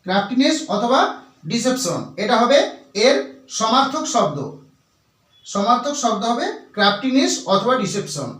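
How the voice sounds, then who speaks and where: A man with a strikingly high voice teaches a vocabulary lesson, repeating each word and breaking it into letters and syllables. He sounds set back from the microphone in an echoing room. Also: very animated, fairly bright tone, recorded from a distance. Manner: slow, repetitive, spelling words out letter by letter. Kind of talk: Bengali-language English vocabulary lesson.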